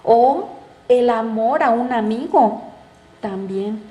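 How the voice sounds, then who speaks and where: A woman's voice: fairly high pitch, lively intonation, takes it slowly, highs cut off. Woman lecturing in an echoey room. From Mexico. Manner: conversational, asks the audience rhetorical questions. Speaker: psychoanalyst giving a talk. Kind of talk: public lecture. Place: bookstore event space.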